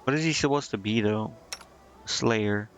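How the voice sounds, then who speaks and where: Game music runs in the background as a man streams, offering casual commentary and musing aloud in a halting, meandering manner. He speaks a little slowly in a lowish voice.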